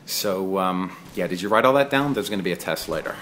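Deep-voiced man in his thirties, chatty. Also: animated, fairly quick, fairly bright tone, slight background noise. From England. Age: 30s. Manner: conversational and digressive, chatty asides. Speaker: gaming video creator. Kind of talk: casual voice-over commentary on gameplay.

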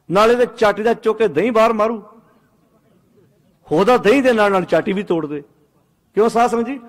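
A man preaching a Sikh sermon, swinging between loud exhortation and low quiet asides, and slowing to chant verses of scripture. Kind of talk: Punjabi sermon with sung scripture.

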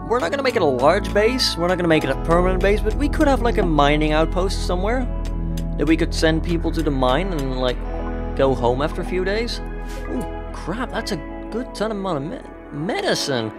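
A man's voice: sits high, animated, brisk. A young man casually commentating his gameplay in a chatty, upbeat way, thinking aloud as he plays. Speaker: let's play host. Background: background game music.

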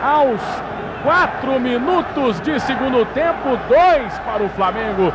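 A man with a Brazilian accent giving explosive live football goal commentary, stretching out shouts and repeating names. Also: very high-pitched, animated, slow pace. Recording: loud stadium crowd noise behind. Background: roaring football crowd.

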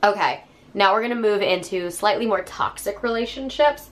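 A woman's voice: medium pitch, normal speed. A young woman with a cold, talking enthusiastically in a casual book review vlog, with many fillers. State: hoarse from a cold.

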